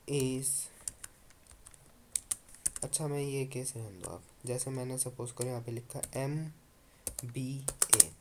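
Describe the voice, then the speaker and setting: A man's voice: medium pitch, background noise. A man teaching English grammar in Hindi, coaxing and repeating his points patiently. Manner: coaxing, repeats points, calls students "babu". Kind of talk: Hindi-language grammar lesson.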